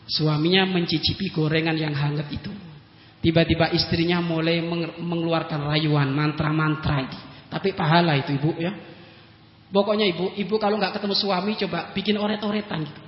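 A male Islamic preacher giving a humorous sermon, joking with his congregation and firing quick questions at them, swinging from loud bursts to low asides. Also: fairly even intonation. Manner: jokey, addresses listeners directly with quick questions. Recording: echoey hall, dull lo-fi sound.

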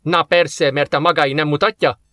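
A man voicing a gruff, impatient male Russian officer who barks orders and mocks. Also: on the high side, steady tone, pushed and bright, no echo. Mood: angry. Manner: barking, impatient, sarcastic.

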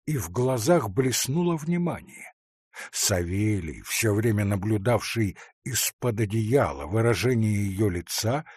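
A man giving an expressive scripted narration of a story. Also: on the low side, slightly rough, dry recording, clean studio sound. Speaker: audiobook reader.

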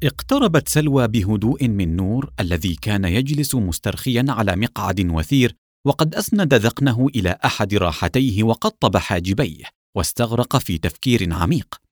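A man narrating a children's adventure story with an expressive reading. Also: fairly low pitch, a little fast, no room sound, studio quality.

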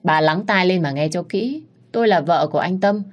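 A woman voicing a scheming pregnant young mistress who whines and snaps in a sharp tongue. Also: sits low, fairly even intonation, fairly quick, breathy edge.

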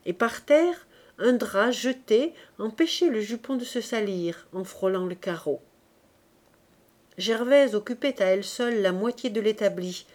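A woman reading a novel aloud in a measured, even narration. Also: mid-range voice. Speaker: audiobook reader.

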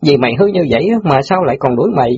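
A man's voice: a little high, expressive, rapid-fire, darkish tone, husky. A man voicing a cheeky, brash newspaper boy who teases his friend in an audiobook drama. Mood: teasing. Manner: brash, teasing banter. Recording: dull lo-fi audio.

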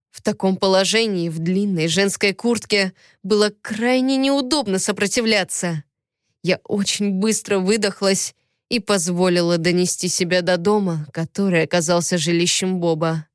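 Woman narrator, expressive first-person audiobook read, smooth clean voice, dry close sound. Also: medium pitch, no room sound.

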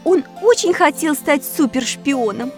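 A woman voicing a shapeshifting girl who poses as a schoolboy, talking in an excitable, defensive, blurting way. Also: sits high, a little slow, faint music behind, pitched above the performer's own voice. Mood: pleading. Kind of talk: audiobook character voice.

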